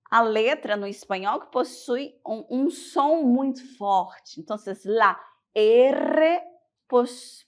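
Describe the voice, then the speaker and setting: A Brazilian woman with a Portuguese accent, teaching a language lesson and checking in with the class. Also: a little high. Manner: slow, patient, checks in with "tudo bem?". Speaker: Spanish teacher.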